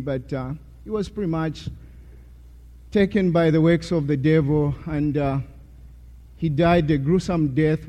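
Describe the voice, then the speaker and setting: A young man from Zambia, a graduating student, giving a chapel testimony with a warm, self-deprecating manner and frequent fillers. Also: fairly high pitch. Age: young adult. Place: college chapel. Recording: hall with long reverb.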